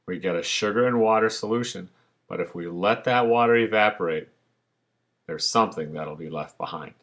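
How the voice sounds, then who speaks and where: A man's voice: lowish voice, moderate pace, a bit bright. A male science teacher giving a recorded online lesson over slides, explaining patiently with frequent fillers.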